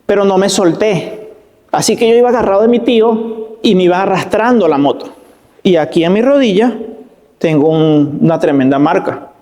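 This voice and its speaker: A man preaching as a guest pastor, telling stories and slowing down for emphasis. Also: high-pitched, dark tone. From Venezuela. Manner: storytelling preacher, slows for emphasis. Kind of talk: sermon.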